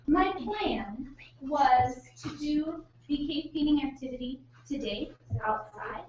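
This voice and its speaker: A young woman with a high, somewhat dark voice teaches a classroom lesson slowly, her intonation lively as she questions and encourages her students. She's captured from a distance in an echoey room, so the recording sounds dull and noisy.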